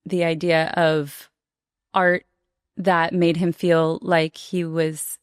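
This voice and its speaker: Smooth low-voiced woman, earnest guest. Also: flat delivery, dry recording, clean studio sound. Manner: earnest, reflective, slow to find words. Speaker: guest performer. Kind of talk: podcast interview. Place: podcast recording before a live audience.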